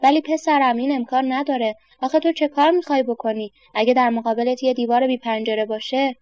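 A woman's voice: high-pitched, fairly even intonation, darkish tone, no echo, highs cut off, lightly acted. A woman voicing a kindly grown man with a walking stick who questions a boy and then encourages him.

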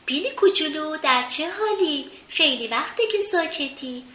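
A woman's voice: high-pitched, pushed and bright. A woman voicing a busy mother who scolds with a raised voice, in a roomy recording with faint hiss. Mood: scolding.

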